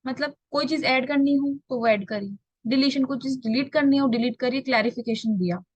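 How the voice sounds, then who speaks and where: A young woman teaching a revision lecture. She poses questions and answers them herself, repeats key terms, and reads definitions slowly, word by word. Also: sits high, breathy edge, dry recording. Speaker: tax tutor.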